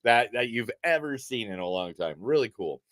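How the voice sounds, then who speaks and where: Male podcast host: casual, emphatic film talk, bright tone, very expressive intonation. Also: mid-range voice, normal speed, no room sound, clean studio sound. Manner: enthusiastic, emphatic. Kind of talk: casual movie chat.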